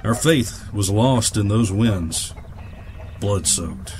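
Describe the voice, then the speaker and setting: A male voice actor in a radio drama plays a weary old pilot turned farmer, speaking in a low voice with plain, folksy words at a slow pace. The character is proud, loyal and bitter, somber and hesitant as he broods over what he says. Steady noise runs behind him.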